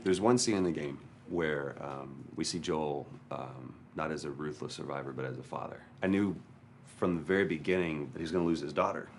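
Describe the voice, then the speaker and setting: A man's voice: extremely low pitch, fairly quick, slight background noise. A male actor in an interview, candidly and reflectively recounting a hard experience. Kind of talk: interview storytelling.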